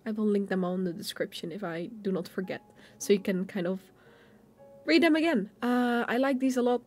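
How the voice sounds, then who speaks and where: A young stationery vlogger sits at her home desk, filmed by an overhead camera, casually showing off pens and a notebook with lots of fillers and restarts. Her mid-range voice is brisk and a little mellow. Soft music plays in the background.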